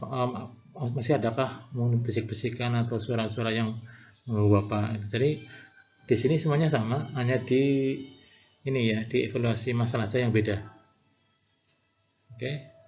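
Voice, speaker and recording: A man's voice: medium pitch, a little mellow, dull audio. A man teaching nursing students, explaining step by step and acting out what a nurse says to a patient, with frequent fillers and self-corrections. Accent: Indonesian. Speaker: nursing lecturer. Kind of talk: classroom lecture with role-play examples.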